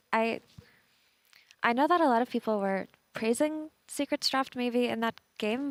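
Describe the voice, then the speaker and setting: A woman's voice: fairly high pitch, no echo. A woman on an esports panel analysing a match, out of breath and chatty, repeating words as she thinks aloud.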